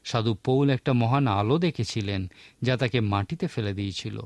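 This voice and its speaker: A man's voice: mid-range voice, moderate pace, darkish tone, dry recording. A man preaching a sermon in an earnest teaching manner, asking rhetorical questions.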